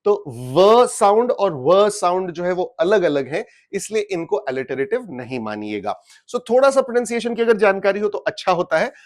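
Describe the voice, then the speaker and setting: A man's voice: sits high, expressive, moderate pace. A man with an Indian accent teaching an exam prep lecture, explaining step by step, asking rhetorical questions and mixing Hindi with English. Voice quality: switches between Hindi and English mid-sentence. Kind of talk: recorded class lecture.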